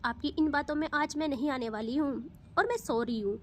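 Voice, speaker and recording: A woman's voice: sits high, a little fast, a little hiss or hum, natural voice. A woman voicing an indignant young woman who scolds in an exasperated tone. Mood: scolding.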